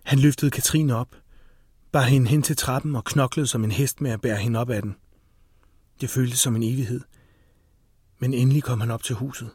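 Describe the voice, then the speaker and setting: Husky-voiced male audiobook narrator. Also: medium pitch, long pauses, dry recording, clean studio sound. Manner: steady, tense storytelling. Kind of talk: scripted narration.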